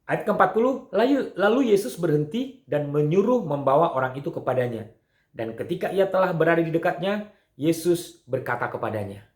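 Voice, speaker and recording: Animated male Sunday school teacher. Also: a little high, fairly quick. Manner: animated, with frequent "ya" fillers, acting out the quotes. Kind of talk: telling a Bible story to children. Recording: echoey room.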